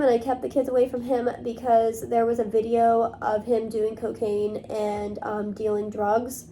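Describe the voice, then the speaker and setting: A woman's voice: mid-range voice, dark tone, a little hiss or hum. A young woman vlogging to camera in casual talk, rambling along with many fillers. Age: young adult.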